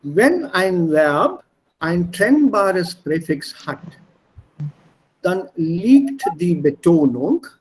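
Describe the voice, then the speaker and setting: A man teaching German pronunciation in an online lesson, explaining slowly and deliberately and switching between German and English. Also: sits high, very animated, poor audio.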